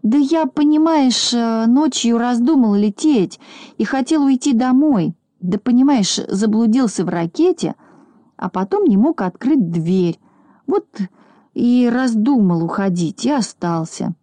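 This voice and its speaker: A woman's voice: on the high side, expressive, moderate pace, warm tone, no echo, voice pushed up, natural voice. A woman voicing a timid, chubby, food-loving little boy in a children's storybook, who mumbles and whines.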